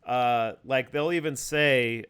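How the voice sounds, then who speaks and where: A man talking casually over a video call, walking his listener through a topic in long, wandering explanations. His voice is smooth and resonant at an ordinary middle pitch, full of "uh"s, "like"s and false starts. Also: takes it slowly, fairly bright tone. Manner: rambling, explanatory, many fillers and restarts. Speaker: host. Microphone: video call mic.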